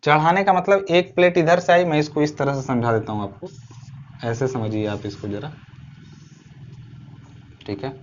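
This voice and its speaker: A man's voice: on the high side, fairly even intonation, moderate pace, pauses often, lo-fi sound, a little hiss or hum. A man teaching a recorded online lecture, explaining step by step, asking his own questions and answering them, and often checking in with short tag phrases. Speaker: civil engineering teacher.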